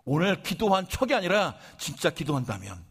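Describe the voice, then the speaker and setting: Husky guy preaching a sermon, kinda high voice, tells stories and jokes on himself, keeps throwing questions at the crowd. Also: brisk. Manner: animated storytelling preacher, many rhetorical questions, self-deprecating humor. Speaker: pastor. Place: church service.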